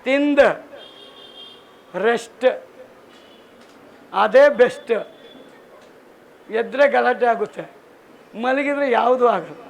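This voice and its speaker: A man's voice: extremely high pitch, slow pace, vocal fry, pauses often, a little hiss or hum, poor audio. A man preaching a sermon at a church service, fervent and repeating scripture lines with emphasis, breaking into joking asides. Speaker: pastor.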